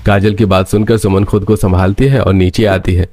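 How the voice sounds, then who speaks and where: A man narrating a family cartoon story in a steady storytelling manner. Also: fairly low pitch, moderate pace, slight background noise.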